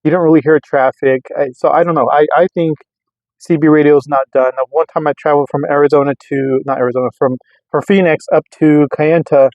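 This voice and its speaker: A middle-aged radio enthusiast vlogger chats casually to camera while road-testing gear in a vehicle, rambling and circling back to restate his points. His voice sits on the high side, with fairly even intonation and a brisk, slightly mellow quality. The audio is dull and has no echo.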